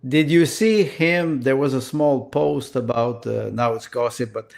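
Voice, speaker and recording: A man from Canada co-hosting a casual political podcast, halting and repeating words as he searches for them. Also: medium pitch, vocal fry, darkish tone. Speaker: podcast co-host.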